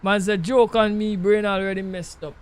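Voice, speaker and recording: High-voiced Jamaican man musing over gameplay. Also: steady tone, normal speed, smooth. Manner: musing, keeps checking in with the listener. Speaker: gaming channel host. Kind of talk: casual rambling commentary over gameplay. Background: truck driving game sounds.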